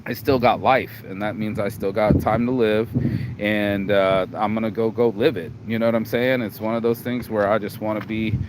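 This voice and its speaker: A man's voice: on the low side, steady tone, normal speed. A tired man from Las Vegas, vlogging in a casual, rambling monologue with profanity and many restarts and repeated words. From Las Vegas, USA. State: tired, low energy. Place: outdoors in a city. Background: street and traffic noise.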